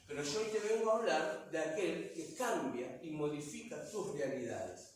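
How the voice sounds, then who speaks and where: A man delivers an impassioned sermon as pastor, his fairly high voice dropping low, then rising to loud declarations. He stands well back from the mic in a heavily echoing church hall, with a faint hiss underneath. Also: expressive, moderate pace. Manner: impassioned preaching with dramatic swings from soft to loud. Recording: echoey hall, voice from far off.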